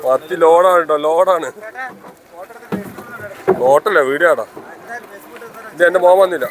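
A man's voice: fairly high pitch, measured pace, crowd noise. A man with a Kozhikode Malayalam accent giving casual, repetitive running commentary for a video and calling out to workers. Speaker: vlogger at a fishing harbour. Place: busy outdoor fishing harbour. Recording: noisy outdoor recording with vehicles. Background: harbour and vehicle noise.

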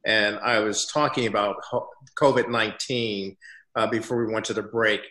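A man's voice: on the low side, fairly even intonation, moderate pace, bright, forceful tone, roomy sound. A man in his sixties hosting a TV interview from a home study, speaking in a polished, encouraging broadcast manner. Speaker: TV news host.

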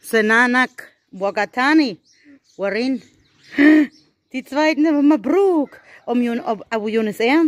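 A woman's voice: a little high, expressive, slow pace, no echo. Chatty woman coaxing farm animals. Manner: chatty, switching between German, English and Arabic. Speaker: vlogger. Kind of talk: casual chat while tending farm animals. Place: village farm and stable.

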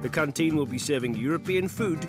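A man giving wry, gently teasing scripted documentary narration. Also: fairly high pitch, a little fast. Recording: voice-over under loud background music.

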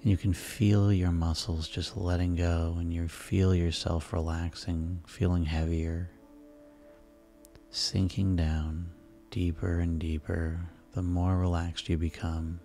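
Very deep, soothing male sleep hypnosis guide. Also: level tone. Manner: soft, soothing, unhurried delivery with pauses. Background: relaxation music.

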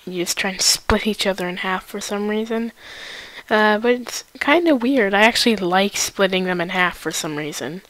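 A woman giving live gameplay commentary as a gaming video host, excitable and prone to panicked exclamations. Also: medium pitch, normal speed, no room sound, low-quality recording.

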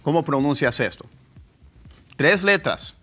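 A man teaching English pronunciation, repeating example words slowly as drills. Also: on the high side, lively intonation, pushed and bright. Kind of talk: pronunciation lesson.

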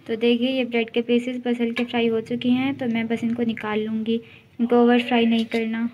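A woman hosting her home cooking channel, explaining each step in a steady voice-over. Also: fairly high pitch, fairly quick, lo-fi sound. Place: home kitchen.

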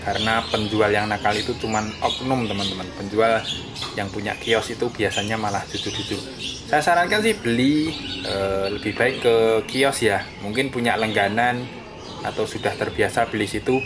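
A man's voice: lowish voice, moderate pace. A man, chatting casually as a bird-keeping vlogger and explaining while he films outdoors with a phone. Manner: friendly, chatty, keeps saying "friends" with a dropping tail. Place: outdoors by bird cages on paving. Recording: phone audio with clear background noise.

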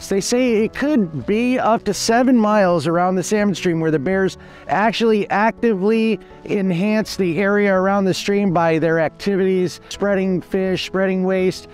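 Faint music drifts behind this high-pitched man as he walks visitors through a creekside fish hatchery he manages. He's in his forties and speaks at a moderate pace. His on-location explanations are earnest and plain, with frequent restarts.

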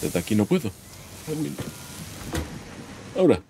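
A man's voice: fairly low pitch, sing-song, slow, noisy background. A man casually commenting while he plays a building game, chatting and joking with himself and the game. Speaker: gameplay streamer. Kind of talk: casual let's-play commentary. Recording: game music loud behind.

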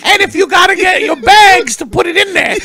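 A man voicing a bossy, scornful old Italian grandmother with a heavy Italian-American Brooklyn accent, yelling and scolding in comedy podcast improv. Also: very high voice, brisk. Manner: yelling, scolding, mock-baffled.

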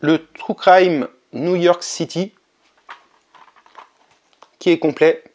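Chatty man, slightly high voice. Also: drawn-out words. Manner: relaxed, chatty, with hesitations. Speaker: video game collector vlogger. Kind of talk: casual vlog narration.

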